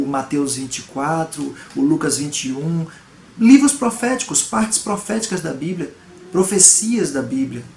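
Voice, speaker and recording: A Brazilian pastor preaches a home video sermon with earnest, emphatic delivery, often posing rhetorical questions. His voice sits a bit high for a man. The room is echoey, with faint noise behind. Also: vocal fry, a little mellow. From Salvador, Brazil.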